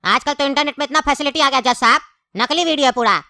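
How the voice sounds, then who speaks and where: A woman's voice: high-pitched, quick pace, background noise. A woman voicing a young male accused in a comedy skit, pleading his innocence with evasive excuses.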